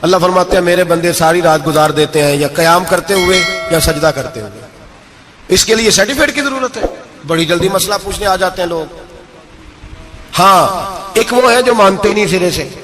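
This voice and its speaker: A man's voice: sits high, lively intonation, fairly bright tone. A male preacher, giving an emotional sermon and putting questions to the congregation. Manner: rhetorical questions to the congregation, rising to emphatic peaks.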